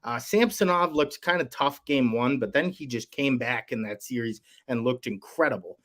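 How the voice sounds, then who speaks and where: A man's voice: mid-range voice, normal speed, a bit bright. A man co-hosting a sports betting show, talking in a rambling, hesitant way with many fillers. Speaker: co-host. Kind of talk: casual sports betting chat.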